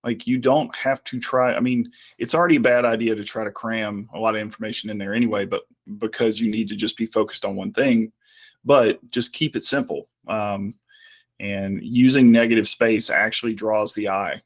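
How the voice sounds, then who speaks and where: Low-voiced man, easygoing podcast co-host. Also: steady tone, moderate pace. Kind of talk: casual podcast chat about advertising.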